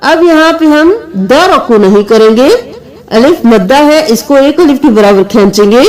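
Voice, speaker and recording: A woman's voice: sits high, animated, darkish tone. A woman teaching Quran recitation, patiently spelling out letters and vowel marks one by one. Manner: slow, patient letter-by-letter explanation, with sung recitation between. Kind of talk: tajweed lesson, spelling out letters.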